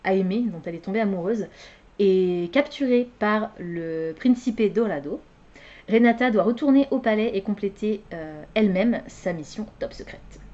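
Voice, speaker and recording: A woman's voice: mid-range voice, moderate pace, mellow, lo-fi sound. A young woman chatting casually as a book vlogger, hesitant, with many fillers and self-corrections. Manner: laughs at her own slips. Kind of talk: casual chat.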